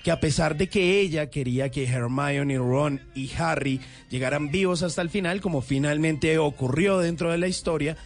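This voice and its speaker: A man hosts a relaxed chat, eagerly rattling off trivia in a fairly high voice. He rambles and restarts as he tells each story. Soft music plays faintly behind him. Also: normal speed, few pauses. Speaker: host.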